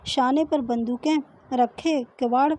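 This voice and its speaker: A woman reads a short story aloud in a steady narrating way. Her voice is high and mellow. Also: poor audio. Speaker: story reader.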